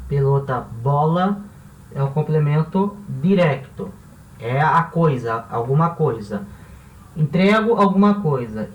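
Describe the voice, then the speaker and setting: A man teaching a grammar lesson, explaining step by step and asking rhetorical questions as he goes. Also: on the high side. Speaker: Spanish teacher. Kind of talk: classroom-style grammar lesson. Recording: roomy, slightly distant mic.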